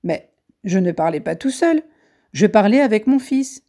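A woman's voice: mid-range voice, lively intonation, normal speed. A woman voicing a friendly travelling knife-grinder who calls out his trade. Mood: indignant. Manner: warm, hawking calls. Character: friendly knife-grinder father, hearty village craftsman.

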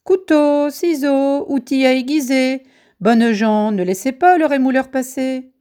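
A woman's voice: mid-range voice, big pitch swings, a little slow. A woman voicing a friendly travelling knife-grinder who calls out his trade. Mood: hawking. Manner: warm, hawking calls. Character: friendly knife-grinder father, hearty village craftsman.

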